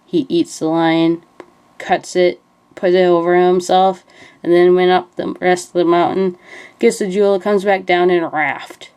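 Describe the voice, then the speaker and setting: A woman's voice: on the low side, little pitch movement, measured pace, darkish tone, clear, resonant tone. A young woman chatting casually in a meandering way, filling her talk with "like" as she retells movie scenes. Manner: meandering, heavy use of filler "like". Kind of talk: casual rambling commentary.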